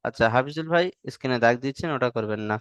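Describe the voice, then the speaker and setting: A man's voice: mid-range voice, very fast, a bit bright, clear, resonant tone, no room sound. A male teacher, patiently drilling Arabic letters in an online class and stretching the sounds long. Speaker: Quran reading teacher.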